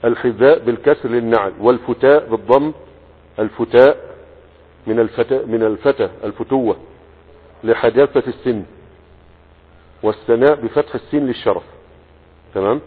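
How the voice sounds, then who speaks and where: A man's voice: mid-range voice, a little fast, long pauses. A man with an Egyptian Arabic accent teaching a classical Arabic morphology text. He reads lines from the book, then explains them in colloquial asides and keeps checking that the students follow. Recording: husky voice, echoey hall, phone-like band.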